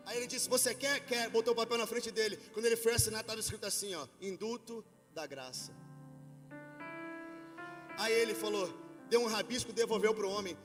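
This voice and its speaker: A male pastor with a Brazilian Portuguese accent preaching a sermon, telling a story quietly and then building to shouted preaching. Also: high-pitched, brisk. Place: church hall with worship band. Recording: long hall reverb with faint music.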